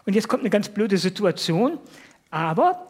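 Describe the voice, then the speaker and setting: A man's voice: high-pitched, very animated, moderate pace, slightly rough. A man preaching a conversational sermon, talking to the listeners in colloquial words and asking them many rhetorical questions.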